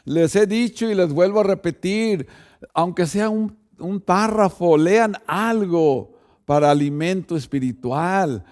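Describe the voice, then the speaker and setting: A man's voice: high voice, a little slow, a little mellow. A man, a pastor, preaching a sermon and speaking directly to the congregation, often checking in with rhetorical asides.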